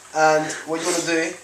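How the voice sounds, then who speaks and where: A man with a Spanish accent, from Spain, giving a casual, giggly cooking demo and correcting himself as he goes. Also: a little high. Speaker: home cook presenting a recipe. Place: home kitchen. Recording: echoey room, loud frying noise. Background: sizzling pan and stirring.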